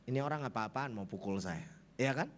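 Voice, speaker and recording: Animated storytelling pastor preaching. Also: male voice, medium pitch, brisk. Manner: animated storytelling, repeatedly addressing the congregation. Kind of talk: sermon. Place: church.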